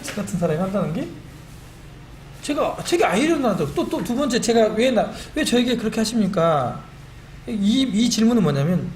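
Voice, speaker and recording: Lively middle-aged man testifying in church. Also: high-pitched. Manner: animated and self-deprecating, quotes his own prayers. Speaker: lay church member giving testimony. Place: church meeting hall. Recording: echoey hall with faint room noise.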